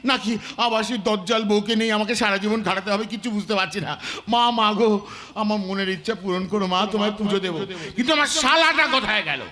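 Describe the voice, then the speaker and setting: A man's voice: high voice, quick pace, sharp tone. A man playing a nervous, henpecked husband in a folk stage comedy. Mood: anxious. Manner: fretful, comic.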